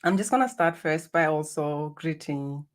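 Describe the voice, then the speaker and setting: A middle-aged Setswana-speaking woman from Botswana, with a Botswana accent, reflects on her life as an interview guest. She is a spiritual healer, and her low, expressive voice moves at a normal speed as she tells personal stories.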